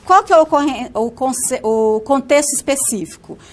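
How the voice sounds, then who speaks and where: A woman's voice: high voice, animated, measured pace. A woman with a northern Paraná Brazilian accent giving a recorded phonetics lecture, explaining step by step and often checking in with tag questions. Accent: Brazilian Portuguese, northern Paraná. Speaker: phonetics teacher.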